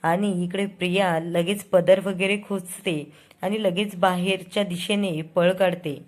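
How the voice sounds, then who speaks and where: A woman talks through the latest episode of a television serial in an easygoing, conversational way. Her voice sits a little low, and she drops into the characters' lines with only light emphasis. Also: steady tone, unhurried. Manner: retells scenes, quoting each character's lines with light emphasis. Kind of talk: casual spoken recap.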